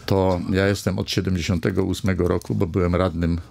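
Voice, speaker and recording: An older Polish village mayor appears as a studio guest on a radio interview, talking in a rambling way with many hesitations and fillers. His low voice has a gravelly fry and a flat, slightly mellow delivery, picked up close on a desk microphone.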